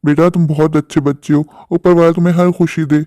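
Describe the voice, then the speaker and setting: A man voicing a kindly older man in a cartoon, speaking gently and giving advice. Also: on the high side, little pitch movement, fairly quick, no room sound, studio quality, lightly acted. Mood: gentle. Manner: gentle, advising. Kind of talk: cartoon voice acting.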